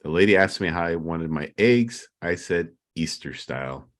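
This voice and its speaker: Low-voiced man rambling through jokes. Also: normal speed. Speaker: podcast co-host. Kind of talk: casual joke-telling banter.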